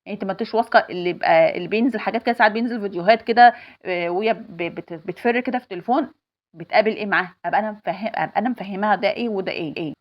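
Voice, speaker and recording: A woman's voice: mid-range voice, racing, dull audio. A woman in her forties with an Egyptian accent, giving insistent advice to other mothers and repeating her points emphatically.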